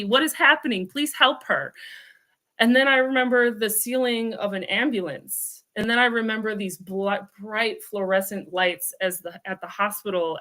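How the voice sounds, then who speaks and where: A woman's voice: medium pitch, a bit bright. A woman in her thirties, a guest author, telling her personal story in a candid, reflective way with wry asides.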